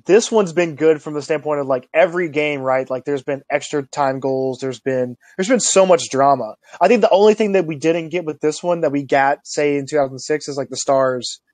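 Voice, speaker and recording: A man in his thirties co-hosting a podcast, chatting in a relaxed, rambling way with plenty of fillers. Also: fairly high pitch, normal speed, few pauses, no room sound. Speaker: podcast co-host. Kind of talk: casual chat.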